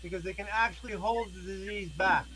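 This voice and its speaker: A man's voice: sits high, fairly quick, bright, forceful tone. A man chatting casually and teasing his friends in an online hangout. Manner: teasing, talkative. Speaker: hangout host. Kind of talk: casual joking chat.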